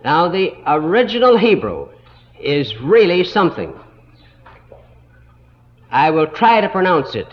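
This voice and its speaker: A man teaching a Bible school lesson in a slow, deliberate way, stopping to spell out words letter by letter, heard on an old 1960s tape recording. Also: fairly high pitch, sing-song, dull audio.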